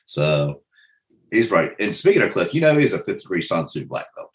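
A man in his fifties with a very deep voice talks as a guest in relaxed conversation. He tells animated stories, doubling up words as he finds his way into sentences. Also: normal speed. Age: 50s. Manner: animated storytelling, repeats words as he starts. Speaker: guest, self-defense instructor. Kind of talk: casual conversation.

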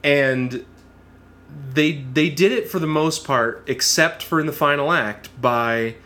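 A man co-hosting a podcast in casual chat, animated and quick to laugh, often restarting his sentences. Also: fairly high pitch. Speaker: podcast co-host.

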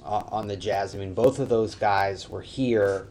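A man speaking as a podcast guest and sports writer, chatting casually and haltingly as he thinks aloud. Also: fairly low pitch, fairly even intonation, a little mellow, a little hiss or hum.

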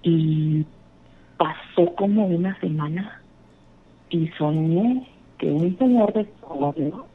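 A woman's voice: on the low side, takes it slowly, pauses often, breathy edge. A woman earnestly telling a rambling personal ghost story, calling in by phone. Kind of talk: casual storytelling. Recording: phone line.

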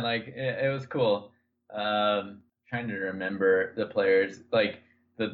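A man with a fairly low voice chatting on a podcast, relaxed and rambling as he tells a story. The recording sounds a bit dull and lo-fi. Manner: relaxed storytelling with many fillers. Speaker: podcast co-host. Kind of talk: casual podcast chat.

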